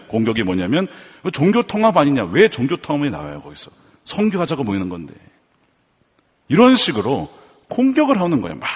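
A man preaching a sermon as a pastor, swinging between loud fervor and hushed storytelling. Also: a little high, breathy edge. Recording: long church hall reverb.

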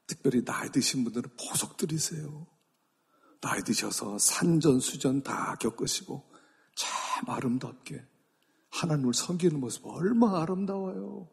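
A raspy, gravelly middle-aged man preaching a sermon, his voice leaping around in pitch as he shifts from loud, stretched-out emphasis to near-whispers. He speaks in a church sanctuary, and a long hall reverb trails behind every phrase. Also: normal speed. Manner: animated, swinging from loud emphasis to hushed whispers. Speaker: pastor.

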